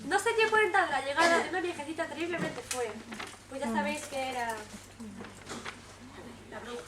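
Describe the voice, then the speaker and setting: Young woman narrating a school play, echoey, loud crowd behind. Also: high-pitched, moderate pace. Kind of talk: scripted storytelling in a school play. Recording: echoey stage, far mic, loud audience.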